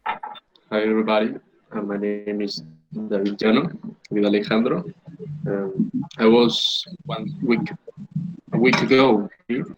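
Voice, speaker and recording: Colombian man, low voice, slow and hesitant; dull lo-fi call audio with faint hiss. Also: fairly even intonation. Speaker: geologist, club member. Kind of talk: casual chat on video call. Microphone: video call.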